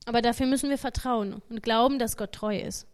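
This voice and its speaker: A woman speaks in an earnest, conversational way, like a lay preacher giving a short devotional talk. Her voice sits a little high, and she keeps it plain and direct. Now and then she voices the thoughts of an imagined believer. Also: a little fast.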